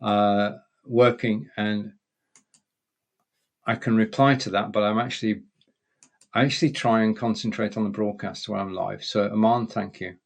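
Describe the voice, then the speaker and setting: A man presenting a live-streamed software walkthrough, reading viewer chat aloud on air, heard through live-streamed broadcast audio. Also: on the low side, steady tone, normal speed, creaky. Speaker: livestream presenter and tech support.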